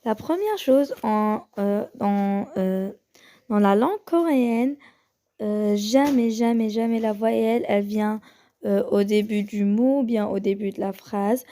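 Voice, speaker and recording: Slow-talking woman teaching the Korean alphabet. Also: mid-range voice, warm tone. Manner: slow, hesitant, with many pauses and fillers; repeats each sound slowly for the learner. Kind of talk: casual lesson on the Korean alphabet.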